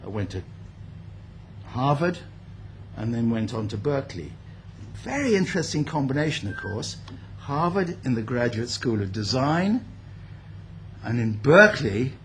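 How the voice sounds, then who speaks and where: An older man who grew up in India speaks at an opening event, thinking aloud with frequent pauses and fillers. His voice sits at an ordinary middle pitch. Faint room ambience hangs behind him. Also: a little hiss or hum. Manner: reflective, speaks off the cuff with many pauses and fillers. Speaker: guest speaker. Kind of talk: formal speech. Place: event hall at a building opening.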